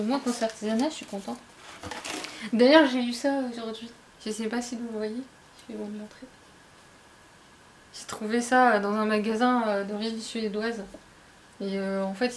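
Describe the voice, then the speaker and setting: A woman's voice: medium pitch, slight background noise. A young woman chatting casually to camera while unboxing a book box at home, with lots of fillers and restarts. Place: at home, indoors.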